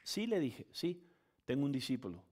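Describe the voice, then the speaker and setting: A man preaching as pastor, telling a story with acted-out voices and laughter, in an animated storytelling manner. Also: medium pitch, normal speed. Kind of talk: sermon.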